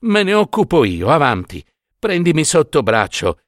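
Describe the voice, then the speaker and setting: Man voicing a coaxing old woman, high. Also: big pitch swings, normal speed, no echo, studio quality. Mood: fussing. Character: gossipy old woman, wheedling.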